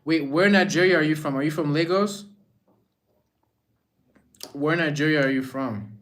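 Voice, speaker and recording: Hosting a relaxed livestream, this Rwandan man greets his viewers by name and reads their comments while chatting. His voice is fairly high and bright, at a moderate pace.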